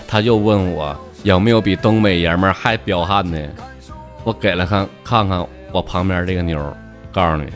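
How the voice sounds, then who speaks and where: A man's voice: deep voice, moderate pace, faint music behind. A man with a Northeastern Mandarin accent telling jokes as a stand-up comedian, chatty and full of dialect slang. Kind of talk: comic joke telling.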